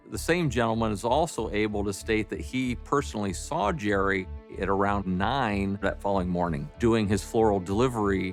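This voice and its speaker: A man speaking as a detective in a documentary interview, recounting case facts in deliberate, official phrasing. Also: on the low side.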